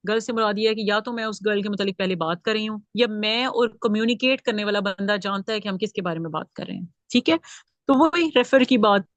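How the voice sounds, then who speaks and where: A woman's voice: mid-range voice, a little fast, no echo. Woman teaching grammar, dry close sound. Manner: explains patiently, checks in with "theek hai" often. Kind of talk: classroom grammar lecture.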